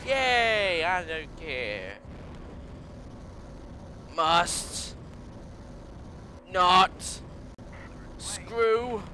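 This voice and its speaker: A young man commenting on his own racing game play, swearing and shouting at his opponents, his voice worn from yelling. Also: high voice, a little hiss or hum. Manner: frustrated, swears and yells at opponents. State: voice strained. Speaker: let's play gamer. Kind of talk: gameplay commentary.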